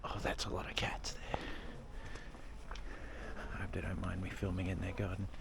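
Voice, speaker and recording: A man's voice: low-pitched, completely flat delivery, moderate pace, in a whisper. Rambling Australian man on a street walk. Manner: rambling, laid-back, swears casually. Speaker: travel vlogger. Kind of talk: casual rambling walk-and-talk. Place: outdoors, old-town streets. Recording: clear street and traffic noise.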